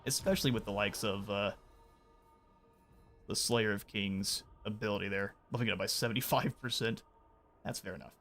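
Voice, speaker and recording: A man streaming a strategy game, giving relaxed, chatty commentary and explaining his moves and the game's lore as he plays. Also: on the low side, normal speed, long pauses, soft background music. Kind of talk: casual gameplay commentary.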